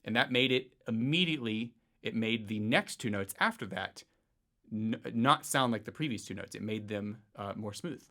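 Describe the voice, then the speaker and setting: A man teaching a piano lesson, explaining rhythm in a relaxed way and counting beats aloud in a sing-song voice. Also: on the low side, normal speed. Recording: faint piano music underneath. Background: piano playing.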